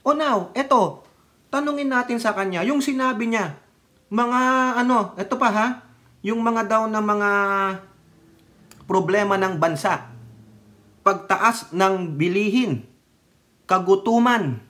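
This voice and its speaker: A middle-aged political commentator from the Philippines, speaking with fiery conviction and a steady stream of rhetorical questions. Between the jabs, the voice drops into a quieter, lower register for personal stories. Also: slow, long pauses.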